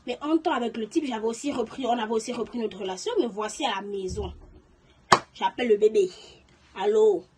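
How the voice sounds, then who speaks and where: A young woman chatting casually to camera in a storytime vlog, full of slang and filler words, getting loud and animated when indignant. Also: a little high, quick pace, few pauses, very noisy.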